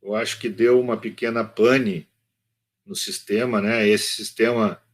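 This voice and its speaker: A man giving a spiritual talk over a video call, his audio breaking up and cutting out, speaking haltingly and repeating words. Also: on the low side, fairly even intonation. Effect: breaking-up internet call audio. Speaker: guest speaker.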